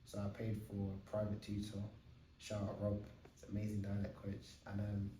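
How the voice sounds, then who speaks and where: A young man in relaxed podcast talk, eager and rambling with plenty of "like"s. His voice sits low and mellow. He is picked up from a distance in a roomy space with a faint hiss behind. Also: moderate pace. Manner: chatty, eager, explains at length with many fillers. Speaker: podcast host. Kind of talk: casual podcast chat. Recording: roomy sound from a distant mic.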